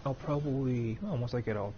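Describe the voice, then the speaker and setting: A man's voice: mid-range voice, fairly quick. A man streaming a video game, talking casually and jokily as he plays. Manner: chatty, rambling, jokey. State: has the hiccups. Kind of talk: casual gameplay commentary. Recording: dull lo-fi mic with noisy background.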